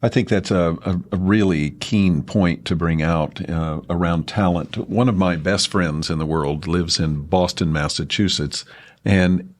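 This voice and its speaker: A man with a very deep voice hosts the conversation, reflecting on his guest's points and telling an anecdote. The recording is dry and close, with no room sound. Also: steady tone, measured pace, dry recording. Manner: reflective, tells anecdotes, warmly affirming. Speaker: podcast host. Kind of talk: interview commentary.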